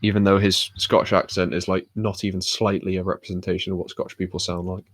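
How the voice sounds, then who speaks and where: Talking fast in a low voice with little pitch movement, a British man co-hosts a podcast. The casual chat is rambling and peppered with fillers and restarts, recorded with no echo.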